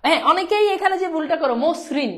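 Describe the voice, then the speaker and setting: High-pitched lady teacher drilling pronunciation over and over, asks students questions, throws in english words. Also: lively intonation, brisk. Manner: sprinkles English words into speech. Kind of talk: live online grammar lesson.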